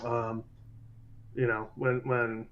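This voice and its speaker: A man talks through a loose podcast conversation, his voice sitting at an ordinary middle pitch. He keeps restarting phrases and slips into mimicking other people for his quotes. The audio is a bit dull and lo-fi. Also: flat delivery, takes it slowly, a bit bright.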